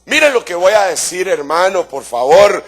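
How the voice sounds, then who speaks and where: Preaching with fervor, this husky-voiced pastor speaks at a moderate pace in a voice that sits high, with big swings in pitch. He addresses listeners as "brother," asks rhetorical questions, and moves from quiet asides to shouted emphasis.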